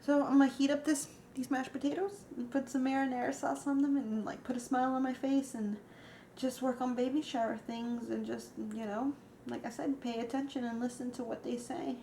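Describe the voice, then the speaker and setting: A woman's voice: high-pitched, flat delivery, fairly quick, vocal fry, dark tone, a little hiss or hum. A woman vlogging casually, rambling and emotional with lots of fillers. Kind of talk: casual vlog. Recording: echoey room.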